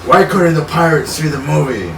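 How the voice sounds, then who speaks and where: A man's voice: fairly high pitch, lively intonation, moderate pace, vocal fry. A man co-hosting a podcast, laid-back and telling corny jokes in casual chat. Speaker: podcast co-host. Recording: echoey room, mic at a distance, loud noise.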